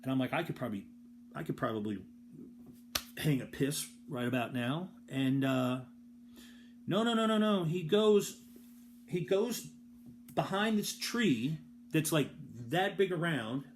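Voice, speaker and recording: A man's voice: on the high side, lively intonation, a little slow, pauses often, a little hiss or hum. A man casually telling a rambling personal story, profane and self-deprecating, with comic exaggeration and frequent restarts. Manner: frequent restarts and filler words. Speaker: storyteller host.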